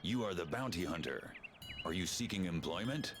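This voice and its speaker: Deep-voiced formal quest giver. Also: male voice, expressive, normal speed, background noise. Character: formal male townsman handing out jobs. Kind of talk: video game dialogue.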